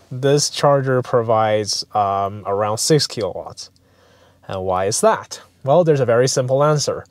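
A darkish, medium-pitched male voice comes through with no echo. He casually narrates his electric car road trip vlog, often saying um and uh while explaining, and the clip, recorded in a car and outside in a parking lot, has noisy vehicle ambience.

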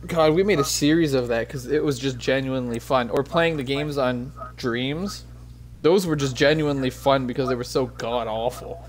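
A man's voice: medium pitch, normal speed. Profane rambling male game streamer. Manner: profane, rambling, self-mocking. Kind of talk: casual gaming stream chat. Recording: steady background noise.

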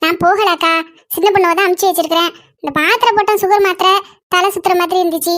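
A woman voicing a fierce, protective village mother-in-law who scolds fast in a cartoon. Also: very high voice, steady tone, a bit bright. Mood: scolding. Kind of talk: cartoon voice acting.

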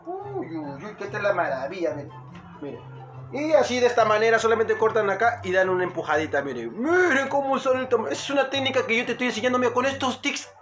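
High-voiced Peruvian man, joking around. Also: lively intonation, fast talker, a bit bright, faint music behind. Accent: Peruvian Spanish. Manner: playful, jokey, exaggerated. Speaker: comedic vlogger. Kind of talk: mock cooking-show commentary.

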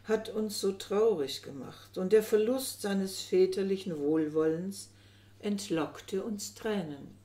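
Woman reading as grieving young man, subdued, slow, roomy echo. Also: medium pitch, dark tone, natural voice. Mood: sad. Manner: subdued, sad.

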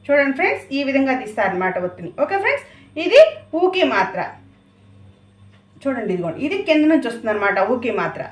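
A woman's voice: sits high, very animated, fast talker, pauses often, roomy sound. A woman teaching a language lesson, explaining patiently and repeating herself as she writes. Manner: patient, repetitive explaining while writing. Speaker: Hindi teacher.

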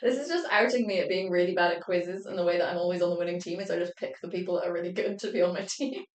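A woman's voice: on the low side, rapid-fire. A woman playing along in a casual quiz, self-mocking and jokey, laughing often. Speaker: quiz contestant. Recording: roomy echo.

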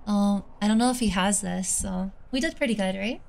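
A woman streamer chatting casually while she plays a game, playful, cutesy and quick to apologize. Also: mid-range voice, creaky, darkish tone. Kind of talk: casual gaming livestream chat.

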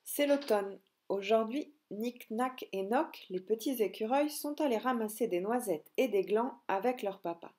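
A woman's voice: on the high side, a little slow, hardly any pauses. Woman reading a children's story aloud. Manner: clear, expressive read-aloud.

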